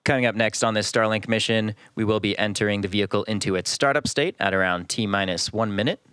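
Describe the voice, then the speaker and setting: A man's voice: lowish voice, quick pace, fairly bright tone, clear, resonant tone, dry recording, clean studio sound. A man hosting a live launch webcast with composed, informative, explanatory commentary.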